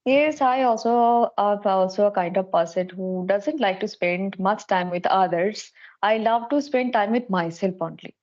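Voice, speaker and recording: Woman, from India, English tutor, slow careful speech, practice chat, dull call audio. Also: mid-range voice, a little mellow. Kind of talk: casual practice conversation.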